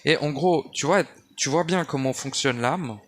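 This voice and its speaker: A man's voice: a little high, moderate pace, fairly bright tone, slight background noise. A man talking at home in a loose spiritual monologue, wandering off track and restarting often. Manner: digressive, many restarts and fillers, addresses listener as tu. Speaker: spiritual speaker. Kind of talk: rambling spoken monologue. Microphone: handheld phone or basic mic.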